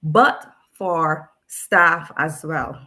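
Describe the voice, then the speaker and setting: A woman from Barbados, a special education teacher appearing as a guest, speaks in a low, sharp voice at an extremely slow pace. In this reflective discussion she talks thoughtfully, often repeating words while she searches for them.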